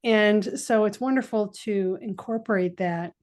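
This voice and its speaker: A woman hosts a podcast and asks her guest thoughtful questions. She talks gently and reflectively, pausing now and then. Her voice sits at an everyday pitch for a woman. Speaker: podcast host. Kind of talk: interview questions.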